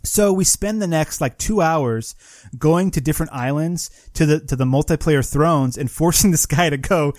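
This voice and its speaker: A man's voice: fairly high pitch, moderate pace, darkish tone, no room sound, studio quality. A man co-hosting a gaming podcast, telling a long story in casual chat and acting out the other players' lines. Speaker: podcast co-host.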